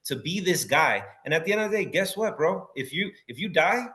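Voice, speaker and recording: Animated storytelling man. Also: on the high side, a little fast. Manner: animated storyteller, acts out quotes, says bro and dude. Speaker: podcast guest, entrepreneur. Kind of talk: casual interview chat.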